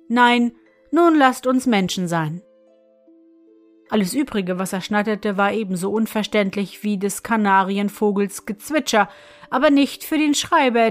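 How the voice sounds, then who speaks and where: A woman reading a fairy tale aloud as narrator, in an even storytelling manner. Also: medium pitch.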